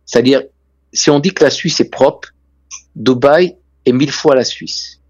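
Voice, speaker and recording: Measured in pace and darkish in tone, a medium-pitched man with an Israeli accent recounts travel anecdotes in French as an interview guest, a real estate and tourism businessman who emphatically repeats key phrases. There's no room sound, and the audio is dull.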